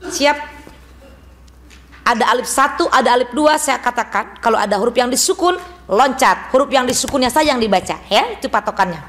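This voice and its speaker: A woman's voice: a little high, expressive, fairly bright tone. A woman teaching Quran recitation rules to a women's study group in a mosque, quizzing the class as she goes. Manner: brisk, asks the class questions and drills responses.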